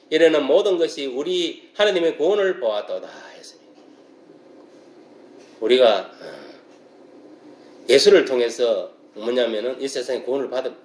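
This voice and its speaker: A man preaching a sermon, emphatic and asking the congregation rhetorical questions again and again. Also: fairly high pitch. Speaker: pastor. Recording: echoey room.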